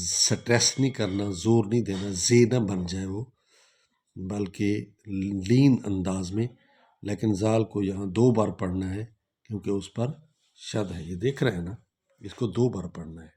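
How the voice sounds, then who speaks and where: A man with a Pakistani Urdu accent teaching Quran recitation with tajweed, repeating each word slowly and patiently explaining how to pronounce it. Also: on the low side, mellow.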